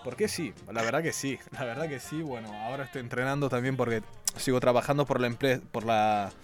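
An Italian man hosting a podcast in Spanish, chatting in a relaxed, rambling way with an Italian accent and Argentine turns of phrase. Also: medium pitch, a little fast. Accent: Italian speaking Argentine Spanish. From Italy. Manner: relaxed, rambling, laughs easily. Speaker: podcast host. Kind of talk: casual interview chat.

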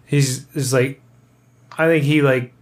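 A man's voice: mid-range voice, steady tone, slow. A man hosting a music quiz show in natural, unscripted, casual and easygoing talk.

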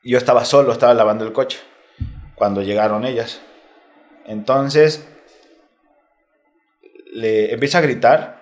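A man's voice: mid-range voice, measured pace, pauses often. A man with a Mexico City accent, a guest in a casual interview, telling a personal story candidly and in slang, step by step. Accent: Mexico City Spanish. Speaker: interview guest, retired footballer.

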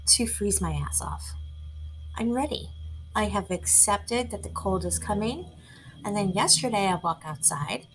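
A woman's voice: fairly high pitch, slight background noise, low-quality recording. Chatty woman hosting a casual podcast. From New York. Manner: chatty and animated, with hushed whispered asides. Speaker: podcast host. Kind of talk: casual chat.

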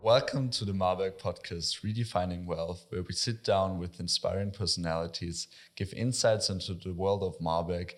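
A man hosting a podcast interview, reading a friendly intro and then asking casual questions. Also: low voice. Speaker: podcast host.

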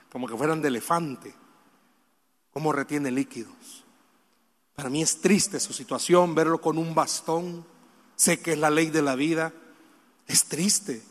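Male pastor, high and bright, emotional sermon with direct questions to the flock, long hall reverb. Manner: emotional, swinging from soft sorrowful confession to loud exhortation; addresses the congregation directly with questions. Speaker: preacher.

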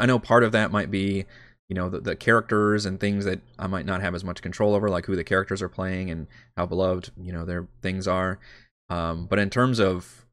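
Low-voiced man rambling as game master. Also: fairly bright tone, no room sound, studio quality. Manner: rambling and self-deprecating, swears casually. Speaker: dungeon master. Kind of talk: casual livestream chat while prepping a game.

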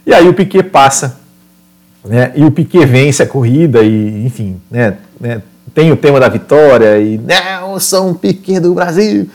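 A man with a Brazilian accent giving casual motorsport commentary, telling race stories in an animated way and often repeating words and adding tag questions. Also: mid-range voice, moderate pace. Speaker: motorsport podcast or stream host.

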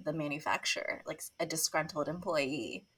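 A woman's voice: low voice, a bit bright, slightly rough. A woman in her late twenties co-hosting a podcast, chatting casually and laughing often. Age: 20s. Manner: giggly, quick to laugh. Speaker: podcast co-host. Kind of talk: casual chat.

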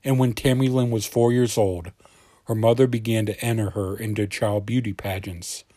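A man's voice: lowish voice, steady tone, moderate pace, warm tone, dry recording. A man hosting a true crime podcast, reading scripted narration in the suspenseful manner of a crime show narrator, close on the mic. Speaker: podcast host.

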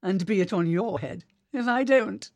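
A woman's voice: mid-range voice, normal speed, darkish tone, close to an everyday voice. A woman playing a needy, self-pitying friend who pleads and whines. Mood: pleading. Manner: pleading, whiny.

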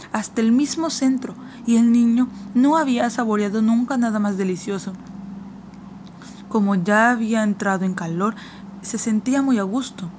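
A woman narrating a children's fantasy audiobook in a steady, measured reading voice. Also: mid-range voice, a little hiss or hum. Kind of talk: scripted storybook narration.

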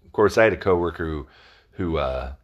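A man with a very low, deep voice co-hosts a loose podcast conversation. He rambles through his points and swears freely. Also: lively intonation, brisk, dull audio. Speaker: podcast co-host. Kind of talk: casual chat.

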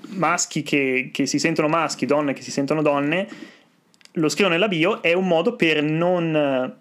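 A man's voice: fairly high pitch, normal speed, fairly bright tone. A man with an Italian accent chats as a podcast co-host, hesitantly searching for his words. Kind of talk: casual podcast chat.

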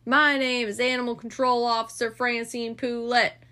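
A woman's voice: a little high, level tone, moderate pace, pushed and bright. A woman voicing an earnest female animal control officer in a read-aloud storybook.

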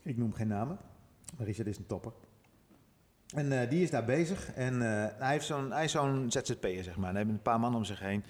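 A man from Groningen chatting easily on a podcast, quick to laugh and tease. His pitch is middling, and his voice rings with a long room reverb. He sounds unhurried and friendly. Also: animated. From Groningen, Netherlands. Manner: laughs often, easygoing banter. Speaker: podcast co-host, physiotherapist. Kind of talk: casual chat.

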